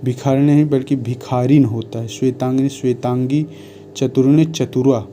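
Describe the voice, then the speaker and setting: A man teaching Hindi spelling, reading out word lists one by one in a measured dictation style. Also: mid-range voice, steady tone, dark tone, a little hiss or hum.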